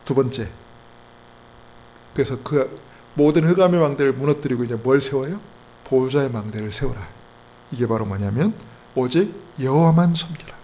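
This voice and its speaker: A man preaching a Sunday sermon as pastor, emphatic, swinging between loud exhortation and quiet asides. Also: mid-range voice, lively intonation, normal speed, pauses often, a little hiss or hum, rough recording. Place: church sanctuary.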